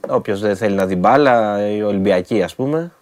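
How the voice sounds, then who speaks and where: A man's voice: lowish voice, darkish tone. A man co-hosting a sports radio show, chatting casually and teasing his partner. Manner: laid-back, teasing, laughs often.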